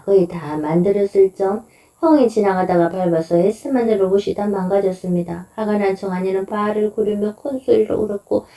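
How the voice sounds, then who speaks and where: Calm woman reading a parenting lesson. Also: medium pitch, roomy sound, recorded from a distance. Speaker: parenting instructor. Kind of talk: scripted read-aloud lesson.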